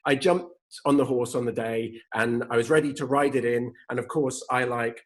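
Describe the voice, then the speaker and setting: A man's voice: mid-range voice, fairly even intonation. A man on a video call, telling a self-mocking anecdote as a panelist. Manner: self-mocking, quick storyteller. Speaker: panelist actor. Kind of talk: casual anecdote.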